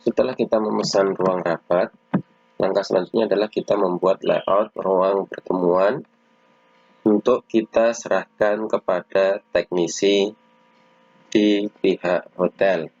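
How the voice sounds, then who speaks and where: Low, gravelly male instructor. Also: fairly even intonation, unhurried, a little mellow, no room sound. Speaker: narrator, instructor. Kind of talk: instructional narration. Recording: dull lo-fi close recording.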